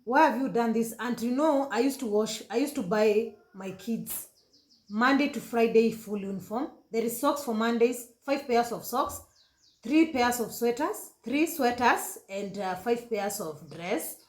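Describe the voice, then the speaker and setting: Kenyan woman telling a story, halting. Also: on the high side, lively intonation. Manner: halting, repeats and corrects herself, switches into Swahili. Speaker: vlogger. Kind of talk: emotional personal storytelling. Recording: roomy echoey room.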